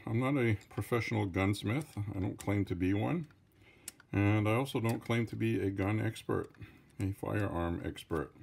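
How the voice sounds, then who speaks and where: Gravelly French-Canadian accented man. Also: lowish voice, a little mellow. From Franco-American. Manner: informal, rambling, defensive asides. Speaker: hobbyist revolver tinkerer. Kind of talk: casual hands-on tutorial.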